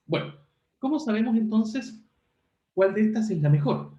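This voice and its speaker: A man teaches a class over a video call, often pausing to ask whether his students follow. His voice is mellow but rises and falls in a lively, animated way. The call audio is roomy and a bit dull. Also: high-pitched. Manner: questioning, checks understanding often. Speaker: university teacher. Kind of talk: online class review.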